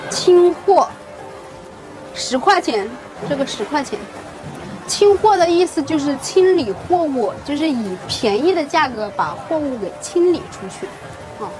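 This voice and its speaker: A woman with a high voice talks casually as a vlog host out at a market. She names things and repeats them simply for language learners. Music plays clearly behind her voice. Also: poor audio. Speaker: vlog host teaching Chinese. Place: busy market, on location.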